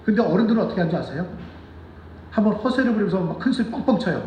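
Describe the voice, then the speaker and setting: A man preaching a sermon as pastor, animated and asking the congregation questions, sometimes acting out children's voices. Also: high-pitched, rapid-fire, reverberant, far from the mic, dull audio, slight background noise. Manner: acts out children's voices in quotes. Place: church sanctuary.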